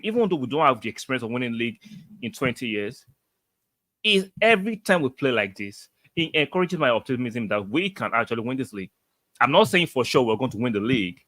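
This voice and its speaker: A man talks fast and emphatically on a football reaction livestream, repeating himself for effect. His voice is bright and forceful, recorded close and dry with no room sound. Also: medium pitch, no echo. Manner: emphatic and repetitive, reads out viewer comments. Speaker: football fan livestream host. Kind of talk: excited match reaction livestream.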